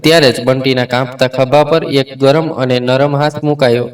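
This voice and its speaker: A man narrating an emotional story in an earnest, measured way, reading the quoted lines plainly. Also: medium pitch, steady tone, distant mic.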